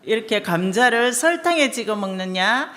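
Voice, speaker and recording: A woman's voice: fairly high pitch, lively intonation, normal speed, fairly bright tone, voice pushed up. A woman preacher voicing a stubborn, offended wife who insists on her own way in a joke. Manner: insistent and defiant.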